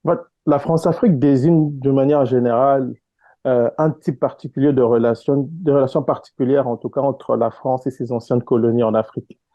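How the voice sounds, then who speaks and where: Guest, male, from Congo, measured explainer with hesitations, dull lo-fi call sound, dry. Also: mid-range voice, steady tone, no echo. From Congo (DRC). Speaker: guest author. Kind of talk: interview answers. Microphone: online call.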